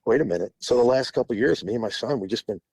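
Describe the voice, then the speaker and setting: Speaking rapid-fire with lively intonation, this man in his forties has a mid-range, creaky, slightly rough yet somewhat mellow voice, with no room sound. As a podcast guest he rambles through long stories, frequently restarting and laughing between phrases.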